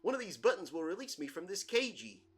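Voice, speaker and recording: A man's voice: high-pitched, sing-song, fast, slightly rough, faint music behind, voice pushed up, full character voice. A man voicing a pompous, boastful magical talking book in a goofy cartoonish voice.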